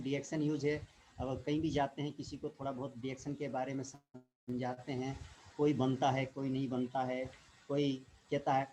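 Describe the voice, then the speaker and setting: A man giving an informal motivational talk as a direct-selling distributor, repeating himself, adding tag questions and often clearing his throat. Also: fairly high pitch, darkish tone, slight background noise, low-quality recording.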